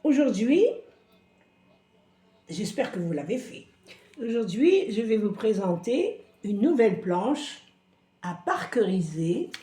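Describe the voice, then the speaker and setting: A woman teaching a slow, patient reading lesson to young children, sounding out syllables in a sing-song way. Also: mid-range voice, very animated, dark tone. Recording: roomy echo.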